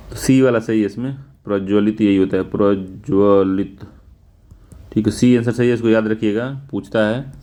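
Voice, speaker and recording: A man with a North Indian Hindi accent walks through practice test questions in a teaching tone, with a mellow, dark voice. He keeps a mid-range pitch and slows right down to repeat each key word. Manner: repeats words slowly, drawn-out emphasis. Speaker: exam prep teacher. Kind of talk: explaining test answers.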